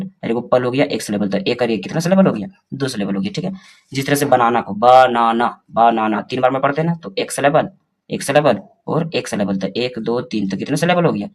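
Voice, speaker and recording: A male teacher explains basic English grammar, asking the class questions and answering them himself, and slowly spelling out words letter by letter. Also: medium pitch.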